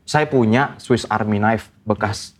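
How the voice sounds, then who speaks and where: A man's voice: fairly low pitch, slow pace. A man in a comedy sketch playing a nervous boyfriend who stammers politely while meeting his girlfriend's father.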